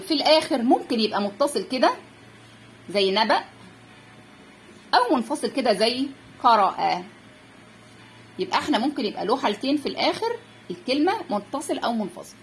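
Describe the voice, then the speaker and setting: A young woman with an Egyptian Arabic accent, teaching the Arabic letters to parents and saying each letter sound slowly and clearly, with frequent check-ins. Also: fairly high pitch, slight background noise. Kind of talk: Arabic alphabet lesson for parents.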